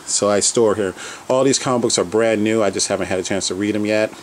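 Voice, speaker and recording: Speaking fast in a lowish, steady voice, a man casually narrates a home tour of his basement collection, rambling from item to item with fillers. The handheld-camera recording is rough and has a little hiss or hum.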